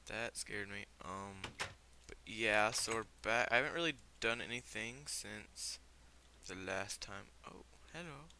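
A man's voice: fairly low pitch, measured pace, bright, forceful tone, a little hiss or hum. Rambling sick young gamer guy. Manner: rambling, filler-heavy, easily startled. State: sick with fever. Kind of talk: casual game commentary.

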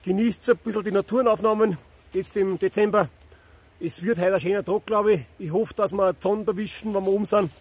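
A man's voice: high-pitched, a little fast, slightly rough. A man in his thirties with a Bavarian accent, chatting and giving his opinions to a handheld camera as he walks a rocky forest trail in winter. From Lower Bavaria, Germany. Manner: chatty, opinionated, talks to camera while hiking. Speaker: vlogger, hiking channel host. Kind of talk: casual outdoor chat to camera. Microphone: handheld camera at arm's length.

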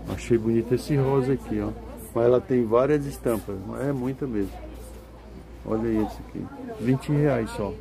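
A man's voice: mid-range voice, moderate pace, creaky, over music. A man from Ceará with a Ceará accent, chatting casually as he films a clothing market tour and asks stall sellers about prices. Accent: Brazilian Portuguese, Ceará. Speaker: vlogger touring a clothing market. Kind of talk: casual walk-through commentary. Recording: noisy market floor.

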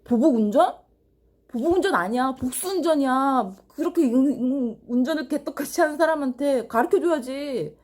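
A woman vlogger talking casually to her viewers, blunt and animated, swearing freely. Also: sits high, normal speed.

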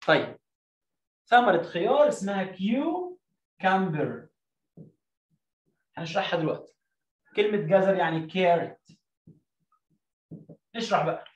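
A man with an Egyptian Arabic accent, teaching a lesson. He says example sentences slowly, explains in quick bursts, and sounds words out syllable by syllable. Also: high voice. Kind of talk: classroom-style explanation. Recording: echoey room.

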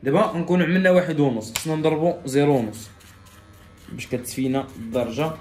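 A man's voice: fairly high pitch, fast talker, darkish tone, reverberant, soft background music. A man with a Moroccan accent, a barber who explains a haircut step by step and repeats each step to his viewers. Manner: instructive, repeats steps, talks straight to viewers. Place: barbershop salon.

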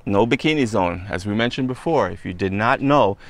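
A man vlogging outdoors as he walks, pointing out sights in a relaxed, conversational way. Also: fairly low pitch, fairly quick. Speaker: travel vlogger. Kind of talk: casual walking tour narration. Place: outdoors on a hot island street.

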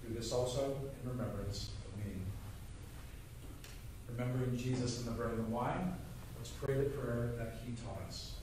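A man leading liturgical prayer as a pastor, solemn and measured, with pauses between short phrases. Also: medium pitch, steady tone. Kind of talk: liturgical prayer and communion service. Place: large church sanctuary, indoors. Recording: very echoey church, far mic, noisy.

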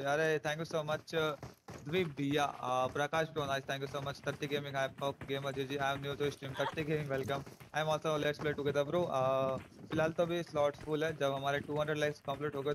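Young man, game streamer, chatty, greets viewers, noisy mic with clicks. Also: mid-range voice. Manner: greets chat viewers by name, asks for likes. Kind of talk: casual live-stream chat.

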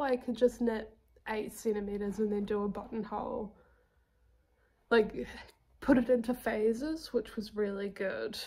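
A young woman with a southern New Zealand accent, chatting casually about her knitting projects, self-deprecating and quick to laugh. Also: medium pitch, mellow. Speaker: knitting podcast host.

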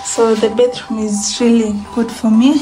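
A woman's voice: on the high side, little pitch movement, normal speed, mellow, soft background music, low-quality recording. A young Kenyan woman giving a chatty house tour, filmed on a handheld phone in her small apartment. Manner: chatty, mixes in Swahili phrases. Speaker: vlogger. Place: small apartment bathroom and bedsitter, indoors. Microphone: phone camera held in hand.

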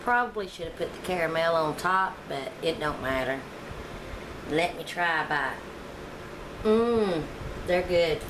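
Low-voiced and lively in intonation, this home cooking vlogger talks a little slowly and leaves long pauses. She chats warmly and casually to viewers while baking in her kitchen, where the sound is echoey and background noise comes through.

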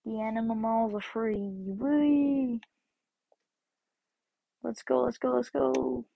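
Playful high-voiced woman gamer. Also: level tone, slow, gravelly, highs cut off. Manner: playful, goofy, talks to herself. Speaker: gameplay streamer. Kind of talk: casual gameplay commentary.

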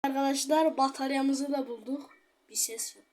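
A woman giving chatty, excitable gameplay commentary, talking straight to her viewers. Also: high voice, normal speed. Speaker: gaming channel host.

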